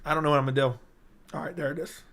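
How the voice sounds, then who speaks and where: A young MMA YouTuber reads comments on a casual livestream, rambling with hype and talking directly to chat through a personal streaming mic. His voice is on the high side, creaky and a bit bright, racing along with fairly even intonation. It sounds strained and cuts in and out.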